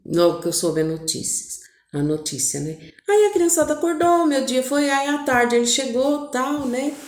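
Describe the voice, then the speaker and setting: A woman's voice: sits high, moderate pace. Woman telling her family story, acts out the voices, roomy echoey sound. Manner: intimate, animated retelling with voiced quotes. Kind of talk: personal storytelling to viewers. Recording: echoey room.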